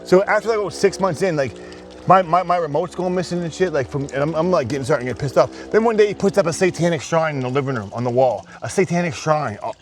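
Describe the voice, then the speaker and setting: A man talking at a fast clip in a slightly high voice, spinning a rambling, profane story. He stumbles and restarts often and keeps it loose and casual, like a podcast co-host chatting with a friend. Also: far from the mic, faint music behind.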